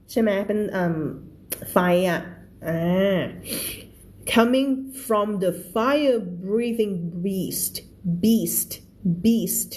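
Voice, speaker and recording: A woman teaching reading on a live stream. She is chatty and playful, laughs at herself, and reads sentences slowly, word by word. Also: mid-range voice, dark tone.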